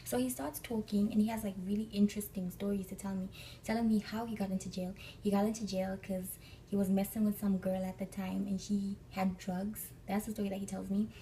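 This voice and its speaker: A woman's voice: mid-range voice, little pitch movement, a little fast, warm tone, distant mic, a little hiss or hum, low-quality recording. A young woman from Africa, chatting through a storytime vlog and acting out the people she quotes. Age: young adult. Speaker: vlogger.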